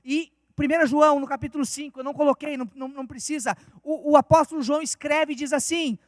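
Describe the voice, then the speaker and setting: A man's voice: very high-pitched, fairly even intonation, quick pace, no echo, clean studio sound. A man with a Brazilian Portuguese accent preaching a fervent sermon in church, with many rhetorical questions.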